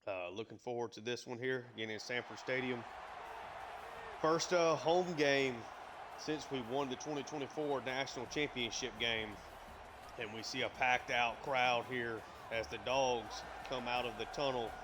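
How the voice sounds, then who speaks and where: A man's voice: medium pitch, fairly even intonation, moderate pace, background noise. A man with the hiccups giving casual play-by-play commentary on a football video game, with lots of fillers. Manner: conversational, filler-heavy, hiccuping. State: has the hiccups. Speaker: gaming YouTuber.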